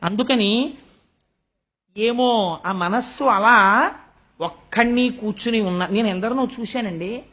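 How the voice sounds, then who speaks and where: A man's voice: high voice, takes it slowly, long pauses. An older man giving a spiritual discourse, telling stories and acting out the voices of the people in them. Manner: animated storytelling, acts out quoted voices. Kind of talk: Telugu religious discourse. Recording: dull lo-fi recording.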